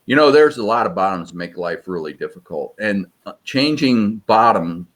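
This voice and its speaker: A man with a fairly low voice explains search techniques step by step. He talks in a practical, measured way, like an instructor answering questions. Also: expressive. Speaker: sonar search trainer. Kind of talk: interview answers.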